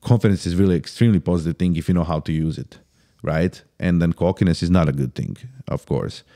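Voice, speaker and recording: A man's voice: low voice, mellow. A man in his thirties chatting casually as a podcast guest, dropping "bro" into nearly every thought and often restarting sentences as he thinks. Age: 30s. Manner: casual, sprinkles "bro" constantly; halting restarts while thinking.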